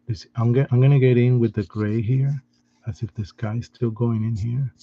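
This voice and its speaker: A man giving a step-by-step drawing lesson in a patient, soft-spoken way, often restarting his sentences. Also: medium pitch, fairly even intonation, normal speed, lo-fi sound. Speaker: art teacher.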